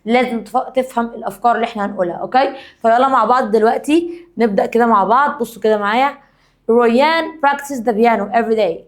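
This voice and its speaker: A woman with an Egyptian Arabic accent, an English teacher giving a classroom grammar lesson, explaining briskly and reading example sentences slowly and deliberately. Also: on the high side.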